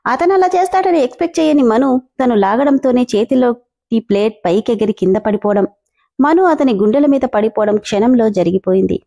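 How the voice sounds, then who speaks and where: Mellow higher-voiced woman narrating a story. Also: fairly quick, gravelly.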